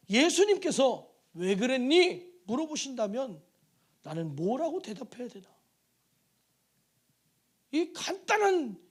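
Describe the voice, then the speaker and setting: A male pastor preaching a sermon in a church, animated and storytelling, acting out quoted voices and putting questions to the congregation. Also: extremely high pitch. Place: church sanctuary.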